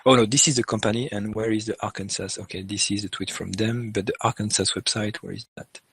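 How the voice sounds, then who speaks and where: Guy hosting a podcast, low gravelly voice, chatty and teasing. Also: steady tone, fairly bright tone, dry recording, low-quality recording. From France. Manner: chatty, quick reactions, teasing. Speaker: podcast host. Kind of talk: casual chat.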